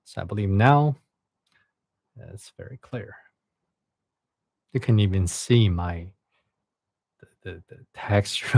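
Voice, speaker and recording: Speaking in a fairly low, darkish voice with no room sound, a man from China whose first language is Chinese chats on his livestream and reads from a novel. His delivery is halting, full of repeated words and fresh starts.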